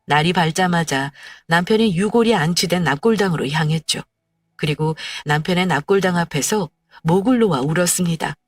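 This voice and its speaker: Woman storyteller, measured first-person read, dry sound from a bit off-mic. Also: on the low side, no room sound. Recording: dry distant mic with faint music. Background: faint background music.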